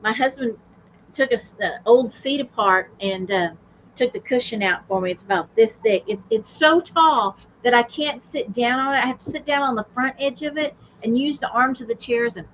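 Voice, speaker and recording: A woman's voice: a little high, normal speed, a bit bright. A middle-aged woman co-hosting a casual livestream chat, joking and giggling as she talks. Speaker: co-host. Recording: dull lo-fi stream audio with faint hiss.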